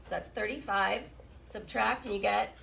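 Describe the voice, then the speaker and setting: A woman's voice: mid-range voice, steady tone, moderate pace, gravelly, a bit bright, a little hiss or hum, low-quality recording. A woman teaching a math class while sick. She asks her students questions and jokes with them. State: sick, rough voice. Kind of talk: classroom lesson.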